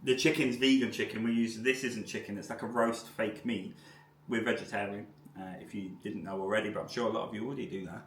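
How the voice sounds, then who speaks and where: A man's voice: fairly low pitch, fairly even intonation, fast, reverberant, slight background noise. A man chatting casually to camera in a vlog at home, enthusiastic and rambling, with lots of "like". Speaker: vlogger and tattoo shop owner.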